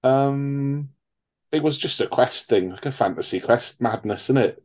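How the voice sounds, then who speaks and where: A man's voice: mid-range voice, unhurried, darkish tone. A man co-hosting a casual film podcast, jokey and sweary, rambling through his points. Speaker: podcast co-host. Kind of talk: casual chat.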